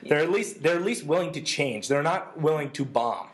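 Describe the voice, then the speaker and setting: A man's voice: on the high side, lively intonation, moderate pace. Sarcastic man holding forth on consoles. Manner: sarcastic, lecturing at length. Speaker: podcast co-host. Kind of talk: casual chat.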